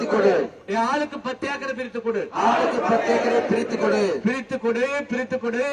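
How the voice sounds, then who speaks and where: A man leading a protest, chanting slogans through a megaphone slowly and repetitively. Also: very high-pitched. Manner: slow, repetitive shouted call-and-response chanting. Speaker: protest leader. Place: outdoor street protest. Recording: distant megaphone over loud crowd noise.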